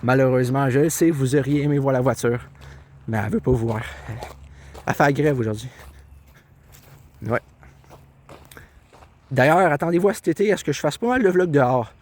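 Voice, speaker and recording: A man's voice: medium pitch, a little fast, pauses often, a little mellow. A young man with a Québécois accent chatting casually as he walks a country trail, filming himself on a handheld tablet, rambling and poking fun at himself. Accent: Québécois French. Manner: rambling, chatty, self-mocking. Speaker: vlogger. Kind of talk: casual walking vlog. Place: outdoors, countryside trail by a river and road. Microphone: handheld tablet camera. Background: faint outdoor ambience, birds and passing cars.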